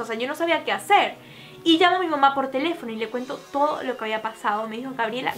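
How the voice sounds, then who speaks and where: A young adult woman telling a personal story to her viewers in a vlog, talking quickly and filling her sentences with little connecting fillers. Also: sits high, fairly bright tone. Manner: fast storytelling with many fillers. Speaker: YouTuber.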